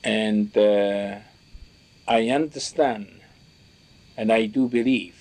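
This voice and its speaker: A man speaks slowly in a warm, mellow voice, recalling the stories of his elders. He pauses and restarts often, searching for words in a reflective, halting way. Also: lowish voice, steady tone. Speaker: storyteller recalling teachings from elders. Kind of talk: reflective spoken recollection.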